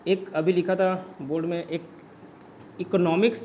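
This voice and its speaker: A man with a fairly high voice leads an online exam-prep class. He explains step by step and answers his own questions as he goes. The sound is dull and lo-fi. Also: level tone, a little slow, slight background noise. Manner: often adds "ठीक है" to check understanding. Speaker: teacher.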